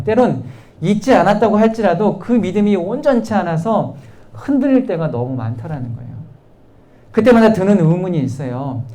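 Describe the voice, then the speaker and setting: A man's voice: high voice, mellow. A male pastor preaching a sermon to a youth group, asking rhetorical questions over and over and acting out quoted voices.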